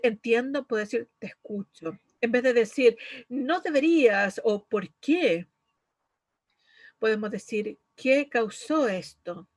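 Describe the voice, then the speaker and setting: A woman interpreting a conference talk live, speaking in quick bursts with fillers and restarts. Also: fairly high pitch, dry recording.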